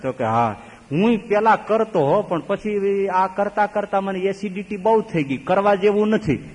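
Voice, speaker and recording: A male swami giving a devotional sermon full of stories, swinging from loud exclaiming to low murmurs. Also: expressive, a little slow. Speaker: swami preacher. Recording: long hall reverb.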